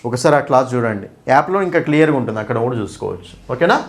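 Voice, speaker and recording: A man's voice: mid-range voice, animated, quick pace. A man teaching an exam-prep English lesson, explaining step by step and asking students questions.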